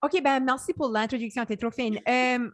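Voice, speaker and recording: A woman in her thirties with an Acadian French accent, a podcast guest chatting quickly and animatedly, slipping English words in. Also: fairly high pitch, steady tone. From Acadia, New Brunswick. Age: 30s. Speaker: podcast guest, business founder. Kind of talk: casual interview chat.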